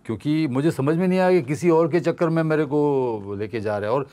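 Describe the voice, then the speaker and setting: Man, animated storyteller, acts out other people's lines, casual podcast chat. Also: on the high side, fairly quick. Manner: animated, acts out quoted voices. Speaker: guest actor.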